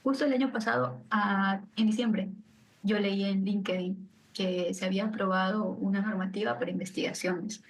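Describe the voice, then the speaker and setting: A woman from Ecuador, chatting as a podcast guest, laughing often and tossing in lively asides. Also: medium pitch, normal speed, slight background noise, rough recording. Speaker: guest scientist. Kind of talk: casual podcast chat.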